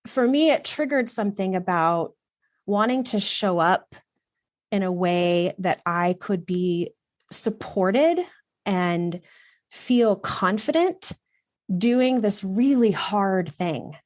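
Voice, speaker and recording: Taking it slowly with lively intonation, a mid-range-voiced middle-aged woman from Texas, USA, a guest who works as a wardrobe consultant, tells personal stories casually, earnest and reflective with some fillers. The sound is clean studio audio with no room sound.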